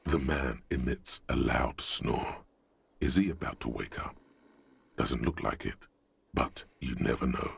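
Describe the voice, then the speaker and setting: Super deep gravelly husky narrator in a game, wry and slow. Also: male voice, full character voice.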